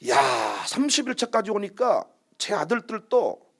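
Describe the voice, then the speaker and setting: A man's voice: high voice, a little slow, slightly rough. A man preaching a sermon as pastor, telling stories animatedly and acting out quotes. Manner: animated storytelling with acted-out quotes.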